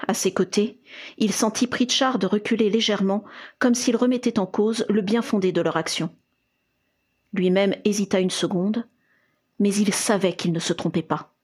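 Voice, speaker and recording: A woman narrates a fan fiction audiobook at a steady storytelling pace. Her voice has a husky, slightly breathy texture. It sits at an ordinary middle pitch. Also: normal speed. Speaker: audiobook reader.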